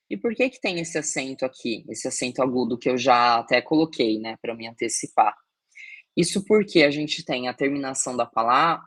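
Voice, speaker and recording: A man's voice: mid-range voice, fairly bright tone, no echo. A man teaching a recorded grammar lesson, explaining step by step with many fillers and tag questions.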